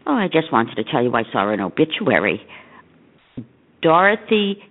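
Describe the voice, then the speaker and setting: A woman's voice: very deep voice, big pitch swings, normal speed, dry recording. Older woman on muffled voicemail. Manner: conversational, scattered, trailing into half-finished thoughts. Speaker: mother leaving voicemails for an adult child. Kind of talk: casual rambling voicemail message. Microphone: telephone. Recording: muffled narrow-band phone voicemail.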